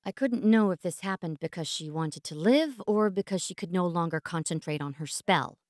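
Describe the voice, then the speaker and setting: A woman with a fairly low voice narrates a fantasy audiobook, theatrical and deliberate, with dramatic pauses and lively intonation. Her tone is darkish, and the recording sounds dry and close with no echo.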